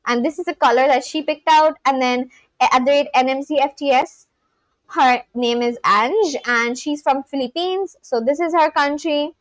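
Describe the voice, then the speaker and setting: An Indian woman with a high voice hosts a live stream, chatting casually and laughing often as she speaks directly to her viewers. She talks at a normal speed, and the recording is dry and low in quality.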